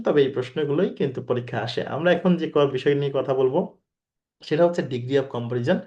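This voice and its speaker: A man's voice: fairly high pitch, a little mellow, highs cut off. A man giving a recorded exam-prep grammar lecture, who repeats his key points, asks the class rhetorical questions and mixes English words into his talk. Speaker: teacher.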